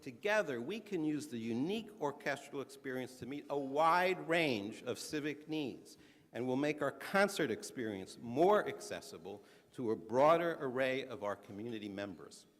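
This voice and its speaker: A man's voice: medium pitch, expressive. Man speaking in a reverberant hall. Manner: earnest, measured, emphatic delivery with occasional restarts. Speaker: conference speaker. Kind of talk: prepared speech to an audience. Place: conference hall. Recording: large hall with long reverb.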